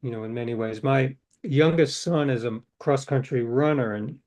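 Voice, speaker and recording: This middle-aged man is a novelist being interviewed, and his mid-range voice is a little mellow, moving at normal speed. His storytelling is thoughtful and meandering, full of restarts and ideas that trail away.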